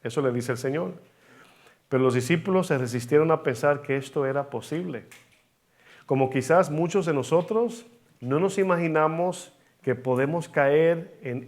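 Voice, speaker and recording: A man preaching a sermon as pastor, speaking directly to the congregation and acting out the voices in the stories he tells. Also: a little high. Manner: preaching, addresses the congregation as brothers, acts out quoted voices.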